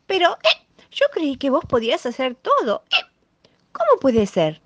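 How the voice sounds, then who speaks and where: A woman plays a tiny male lion cub in a bedtime storybook, squeaky and wide-ranging, stumbling over eh's in a Rioplatense accent. The voice sits close and dry, slightly muffled. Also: huge pitch swings, measured pace, a bit bright, no room sound, heavily acted. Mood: pleading. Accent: Rioplatense Spanish. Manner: high, hesitant with many eh's.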